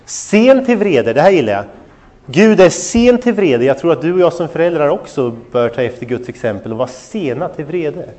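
A man in his thirties preaching a sermon on parenting, telling a family story with lively asides straight to his listeners. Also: on the high side. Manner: animated storytelling, addresses listeners directly. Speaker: pastor.

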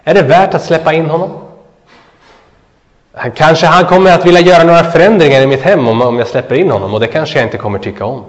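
A man preaching a sermon. He asks the listeners questions, answers them himself, and lets his voice drop low and soft at the ends of phrases. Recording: dull sound with a long hall echo.

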